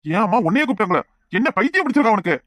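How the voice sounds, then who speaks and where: Rapid-fire Kanyakumari young husband. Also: male voice, sits high, sing-song, fairly bright tone, no room sound. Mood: irritated. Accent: Kanyakumari Tamil. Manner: brisk, exasperated. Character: impatient young village husband. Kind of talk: cartoon voice acting.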